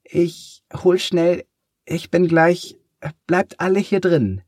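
A man voicing a flustered female schoolteacher, cold and hostile toward a strange pupil, in a hurried, clipped manner. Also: high voice, a little mellow, no room sound, studio quality, pitched above the performer's own voice.

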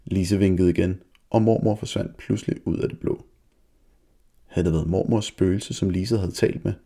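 A man's voice: deep voice, fairly even intonation, gravelly, background noise. A man reading his own spooky children's story aloud as narrator. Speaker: narrator and author.

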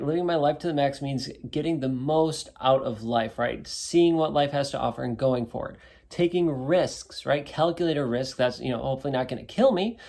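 In a mid-range, darkish voice, a man in his thirties talks casually to listeners on his solo wellness show. As a podcast host and wellness coach, he keeps things conversational and keeps asking "right?"

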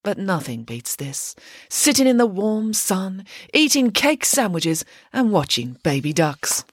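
A woman's voice: medium pitch, sing-song, unhurried, slightly rough, dry recording, studio quality. A woman voicing a grand, vain, cake-loving female pig nanny who boasts in a theatrical way. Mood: grandly boastful.

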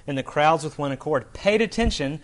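This preacher's voice sits on the high side, animated and a little fast. His sermon feels like a casual chat, colloquial in tone, and he regularly checks in with the congregation by saying "right?"

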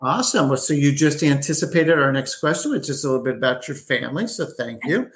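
A man's voice: a little high, lively intonation, fast, fairly bright tone. Chatty male interview host. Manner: upbeat, chatty, with frequent fillers. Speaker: podcast host. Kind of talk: conversational interview hosting.

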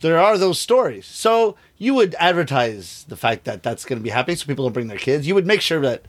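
A middle-aged man with a fairly high, very lively voice, chatting as an interview guest. He tells stories animatedly and slips into the voices of the people in them. The sound is close and dry. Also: fairly quick, no echo. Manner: animated storyteller, acts out quoted voices. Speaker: rakugo storyteller, guest. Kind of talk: casual interview talk.

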